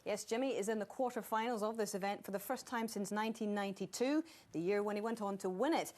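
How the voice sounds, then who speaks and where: A woman's voice: medium pitch, fast talker, darkish tone. Polished woman presenting televised sport. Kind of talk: scripted sports broadcast presenting.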